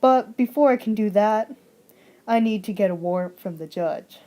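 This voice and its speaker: A stiff, by-the-book police officer, as a young woman puts him on reads out charges in formal legal wording. The delivery sits low and stilted, reading word by word rather than acting, for a homemade story project. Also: normal speed, dark tone, lightly acted.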